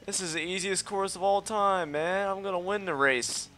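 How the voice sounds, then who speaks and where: A let's play host with a high-pitched voice gives live gameplay commentary at normal speed, excitable and boastful. He swears often, yelps at mishaps, and throws out cocky trash talk, faint music behind him.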